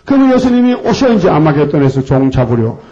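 A man's voice: on the high side, sing-song, brisk, dark tone. An older man preaching a fiery, blunt, scolding sermon in a colloquial way. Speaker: pastor. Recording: dull lo-fi recording.

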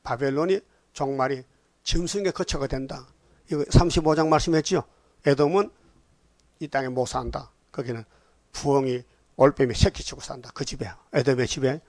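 A man's voice: medium pitch, normal speed, a little mellow, no echo. A man pastor preaching a sermon, reading scripture aloud and pressing his points with rhetorical questions. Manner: emphatic, rhetorical questions to the congregation.

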